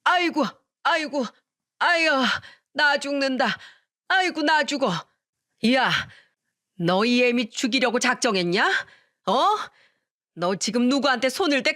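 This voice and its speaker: A woman's voice: sits high, animated, unhurried, bright, forceful tone, voice pushed up, full character voice. A woman voicing a spiteful older mother-in-law in a radio story, wailing, scolding and cursing. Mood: wailing, indignant.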